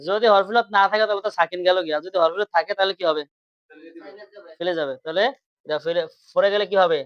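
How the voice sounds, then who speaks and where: A man's voice: high-pitched, steady tone, quick pace, clear, resonant tone, no room sound, muffled recording. A man teaching grammar in class, repeating points and quizzing his students questions.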